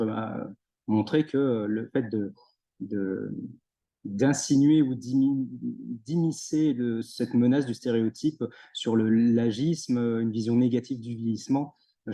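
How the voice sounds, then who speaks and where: A young man answering jury questions at his thesis defense, pausing often with fillers and restarts. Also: medium pitch, warm tone, low-quality recording. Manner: hesitant, many fillers and restarts. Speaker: PhD candidate defending thesis. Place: university room in a Zoom recording.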